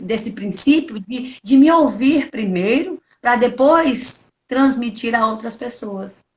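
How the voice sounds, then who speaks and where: A middle-aged woman preacher giving a conversational testimony and teaching, full of rhetorical questions and sudden emphatic high stresses. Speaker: preacher, guest.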